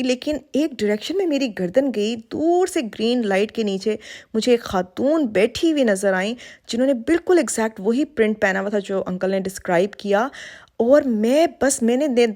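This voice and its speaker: A woman's voice: fairly high pitch, darkish tone. A middle-aged woman vlogger telling a personal story to her viewers in an earnest, heartfelt way, with English words mixed in.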